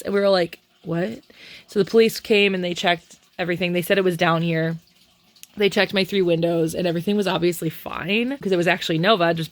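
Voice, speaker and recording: Chatty congested woman vlogging, slightly low. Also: fairly bright tone. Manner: rambling, chatty, dry sarcastic asides. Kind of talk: casual vlog chat.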